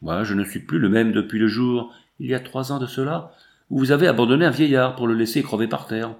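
A man voicing a cunning old gold miner who speaks low and grimly in a read-aloud novel. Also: gravelly, lightly acted. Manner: low, grim and deliberate.

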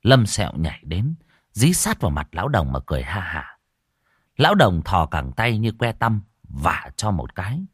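A man narrating an audiobook story in an expressive storytelling manner. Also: low-pitched, moderate pace, slightly rough, no echo, clean studio sound.

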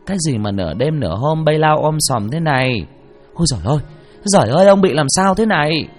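A man's voice: on the high side, expressive, normal speed, soft background music, voice pushed up. A man voicing a bossy older farm wife who scolds and orders the servants about. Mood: bossy scolding. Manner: sharp, commanding.

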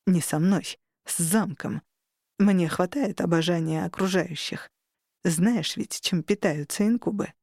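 A scheming male incubus from a fantasy audiobook hisses and purrs in a lowered voice, acted out by a woman reader. The sound is dry and close, with no room around it. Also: a little slow, gravelly, darkish tone, breathy edge, no echo, exaggerated voice. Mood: menacing. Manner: hissing, low and menacing.

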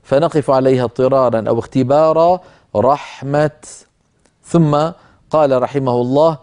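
A middle-aged man teaching a Quranic reading rule, explaining in a calm, measured way and slowly chanting verse quotations. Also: mid-range voice, clear, resonant tone. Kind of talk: lecture on a tajweed poem.

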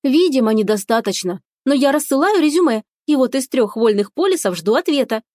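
A woman's voice: sits high, expressive, brisk, mellow, no echo, clean studio sound, pitched above the performer's own voice. A woman voicing an ambitious, chatty young woman proud of her work, in an audiobook.

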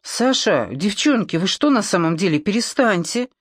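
A woman's voice: on the low side, very animated, moderate pace, no echo, clean studio sound. A woman voicing a timid, tearful young woman who stammers, in an audiobook. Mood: flustered tearful.

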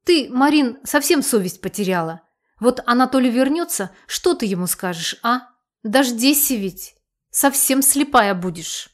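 A loud, blunt village aunt who scolds and mocks in the same breath, as a woman reading the story puts her on. Her voice sits a little high and carries force. It is an audiobook character voice. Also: lively intonation, unhurried. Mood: scolding.

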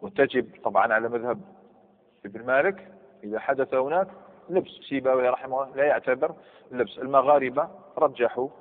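A man's voice: medium pitch, fast. A man with an Algerian Arabic accent teaching a grammar lesson, explaining rules step by step and quizzing his students. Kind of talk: classroom lesson. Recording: tinny lo-fi recording in a reverberant hall.

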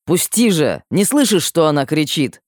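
A woman's voice: low-pitched, sing-song, moderate pace, a little mellow, no echo, studio quality. A woman doing a protective male dragon. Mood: urgent. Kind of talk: audiobook character voice.

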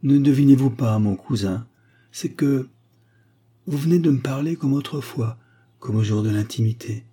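A man voicing a calm, gentle young Venetian noblewoman in an audiobook reading, speaking softly and earnestly. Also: mid-range voice, moderate pace, slightly rough, pitched above the performer's own voice, natural voice. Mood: tender.

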